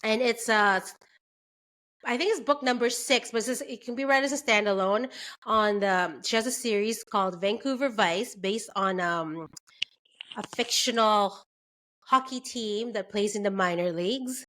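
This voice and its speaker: A woman's voice: medium pitch, moderate pace, pushed and bright, a little hiss or hum. A young adult woman from Canada hosting a casual book club chat, talking loosely with lots of fillers and frequent laughter. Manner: chatty, laughs often, many fillers. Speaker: book club podcast host.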